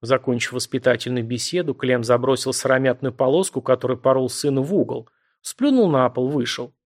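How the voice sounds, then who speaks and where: A man narrating a first-person audiobook in a vivid, expressive reading style. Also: mid-range voice, brisk.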